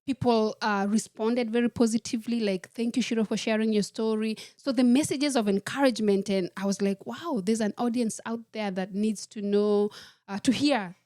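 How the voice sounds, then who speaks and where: A woman from Kenya, a podcast guest telling her life story in a measured, reflective way. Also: fairly high pitch, steady tone, dark tone, no room sound, clean studio sound. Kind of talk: personal storytelling in a podcast interview.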